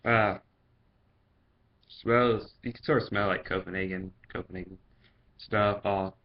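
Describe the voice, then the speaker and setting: A man's voice: lowish voice, steady tone, measured pace. A man giving a casual, chatty product review in vlog style. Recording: dull, lo-fi sound.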